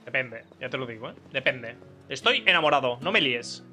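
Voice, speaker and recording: A man's voice: mid-range voice, animated, a little fast, bright, forceful tone. A man with a Spain Spanish accent giving casual, jokey gameplay commentary, full of slang and talking back to the characters. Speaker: gamer hosting a playthrough. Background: game music and dialogue.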